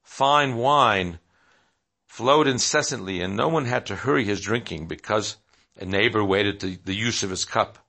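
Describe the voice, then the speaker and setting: Gravelly man reading a story aloud. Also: lowish voice, measured pace. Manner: steady, with small slips and restarts.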